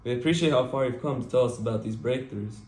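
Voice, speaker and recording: A man playing an earnest male anchor of a 1940s newscast. He has a mellow, mid-pitched voice and a formal, scripted delivery, heard in an echoey room. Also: quick pace, far from the mic, close to an everyday voice.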